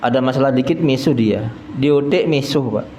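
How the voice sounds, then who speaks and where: A man's voice: medium pitch, normal speed, darkish tone. Folksy man preaching. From East Java, Indonesia. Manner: folksy, keeps addressing listeners as sir, chuckles at own jokes. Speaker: religious teacher. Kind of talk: mosque study sermon. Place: prayer hall with echo. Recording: echoey prayer hall, faint noise.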